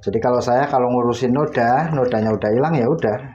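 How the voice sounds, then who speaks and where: A laundry tutorial host talks fast in a medium-pitched voice as he casually demonstrates step by step from his indoor home laundry area. The sound is lo-fi with background noise.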